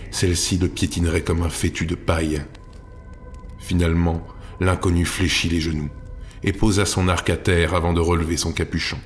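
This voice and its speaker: A man narrating a fantasy audiobook in a measured storytelling manner. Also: low-pitched. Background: faint music.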